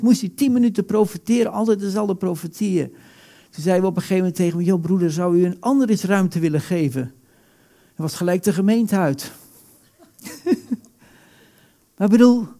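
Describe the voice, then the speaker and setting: A man preaching a sermon, animated, acting out quoted prayers with sudden loud outbursts. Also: high-pitched.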